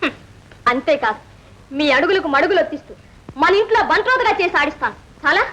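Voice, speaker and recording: A brisk, confident young lawyer. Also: female voice, extremely high pitch, expressive, fairly bright tone, poor audio. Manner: brisk, scolding.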